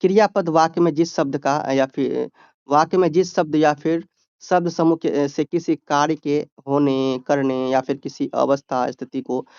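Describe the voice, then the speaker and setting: Man, exam tutor, fairly high voice, smooth, asks and answers himself, dry dull recording. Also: steady tone, a little slow, a little mellow, no echo. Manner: explains step by step, asking and answering his own questions. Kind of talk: exam-prep grammar lesson.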